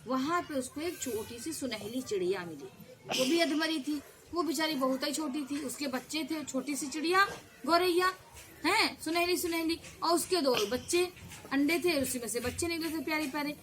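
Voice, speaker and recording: A woman telling a children's folk tale in an animated way, with sound effects and acted voices. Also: sits high, moderate pace. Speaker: storyteller.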